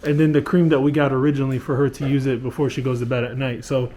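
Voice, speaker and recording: A man co-hosting a travel vlog, calmly explaining what is going on. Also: mid-range voice, quick pace, poor audio. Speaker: vlog co-host. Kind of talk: casual vlog narration. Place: outdoors on city streets.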